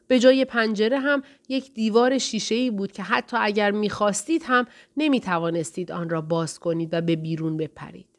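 Female audiobook narrator, steady and measured delivery. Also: mid-range voice.

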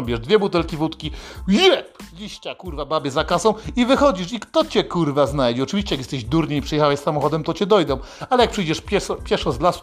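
High-voiced guy ranting and cursing like a fake life coach, a bit of music under it. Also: a bit bright. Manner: aggressive, swearing constantly, mock motivational. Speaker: satirical anti-coach host. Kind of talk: profane satirical rant to listeners.

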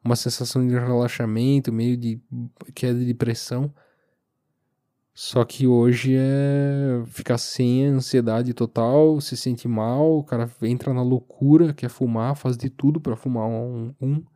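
Mellow, sleepy young Brazilian man rambling. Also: mid-range voice, fairly even intonation. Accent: southern Brazilian. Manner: informal, halting and meandering, with swearing. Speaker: podcast host. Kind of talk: casual solo monologue, rambling. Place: recorded lying down, alone.

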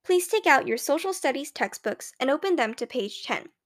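A woman voicing a polite, prim schoolteacher who speaks to her class with measured, formal diction. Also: high voice, lively intonation. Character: female schoolteacher, polite, prim, quietly pitying.

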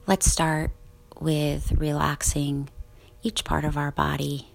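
A woman guiding a sleep meditation in a soft, slow, soothing whisper. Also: low-pitched, monotone, creaky, rough recording. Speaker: guided relaxation host.

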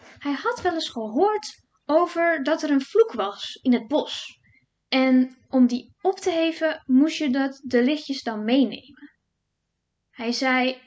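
A woman telling a first-person fairy tale slowly, often dropping to a hushed whisper. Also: high voice. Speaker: storyteller. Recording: dull lo-fi recording.

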